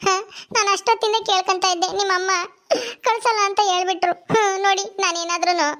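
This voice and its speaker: Woman playing a weepy young village wife, squeaky high voice racing along, begging and pleading through tears. sounds like a homemade village family drama. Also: fairly bright tone. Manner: pleading, sobbing.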